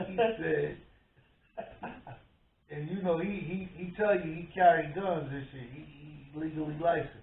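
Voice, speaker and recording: Man, podcast co-host, casual storytelling, a bit high voice, tinny lo-fi sound from far off. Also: a little slow, gravelly, pauses often. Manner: animated storyteller, acts out quotes. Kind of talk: casual chat. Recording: echoey room, tinny phone-like sound, from far off.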